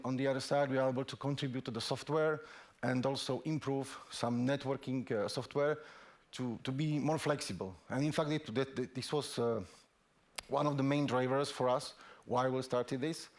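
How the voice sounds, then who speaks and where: Speaking English though his first language is Slovak, a man with an average male pitch delivers a technical conference talk. His intonation stays fairly even while he stumbles through his points with fillers, repeated words and frequent restarts.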